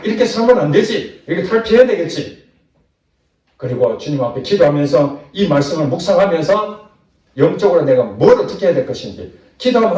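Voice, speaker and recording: A man's voice: high voice, darkish tone. A man preaching a sermon as pastor, acting out short asides of imagined people. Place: church sanctuary. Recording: echoey church hall from far off.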